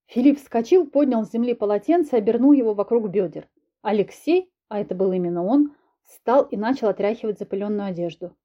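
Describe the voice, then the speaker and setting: A woman narrating a first-person audiobook in a lively, expressive reading, in a dull lo-fi recording. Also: mid-range voice, a little fast. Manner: lively, expressive reading with raised shouted quotes.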